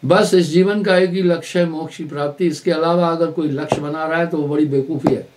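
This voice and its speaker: A man's voice: on the high side, steady tone, a little fast, a little mellow, slight background noise. A man preaching at a live spiritual gathering, telling stories and driving points home by repeating words. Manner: storytelling with emphatic repetition. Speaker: spiritual teacher. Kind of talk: live satsang sermon.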